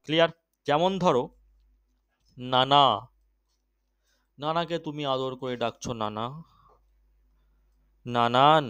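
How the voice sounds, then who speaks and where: A young man teaching an exam-prep grammar lesson, often checking that students follow and urging them to answer quickly. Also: mid-range voice, a bit bright, clear, resonant tone, dry recording. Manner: keeps checking understanding, urges quick answers.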